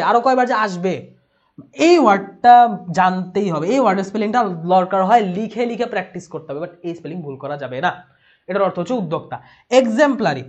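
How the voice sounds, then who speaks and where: Young woman teacher, brisk delivery, fairly high voice, repeats and spells out terms. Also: lo-fi sound. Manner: fast, explanatory, repeats key words and spells them out. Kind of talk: online exam-prep lesson.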